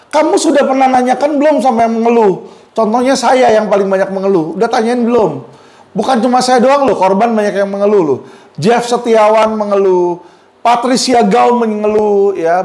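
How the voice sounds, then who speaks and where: A man's voice: high voice, a little mellow. A man giving blunt legal commentary, speaking straight to viewers in a combative, mocking way.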